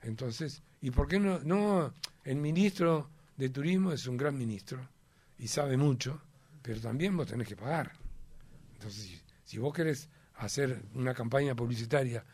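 A man's voice: medium pitch, animated, moderate pace, darkish tone, breathy edge. A man with a Uruguayan Spanish accent, chatting as a guest in an emphatic, rambling way with many fillers. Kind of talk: casual chat.

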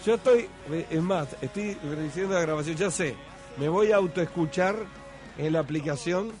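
A man's voice: a little high, normal speed, a little mellow, soft background music. Chatty Uruguayan morning radio host man. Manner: chatty, thanks listeners by name, fusses over sound levels. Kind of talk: casual morning radio chat.

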